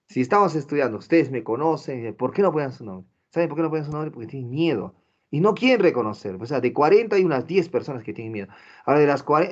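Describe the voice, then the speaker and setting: Un profesor de mediana edad con acento peruano que da una clase en línea y hace las voces de sus alumnos con viveza. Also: male voice, mid-range voice. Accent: Peruvian Spanish. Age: middle-aged. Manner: animated, acts out students' voices. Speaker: teacher. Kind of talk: online class lecture. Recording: dull lo-fi audio.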